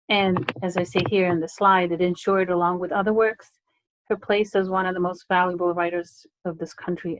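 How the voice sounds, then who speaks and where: Low-voiced woman lecturing with frequent fillers. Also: a little hiss or hum, poor audio. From Romania. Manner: measured, hesitant with frequent fillers. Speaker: English lecturer. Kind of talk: online lecture presentation.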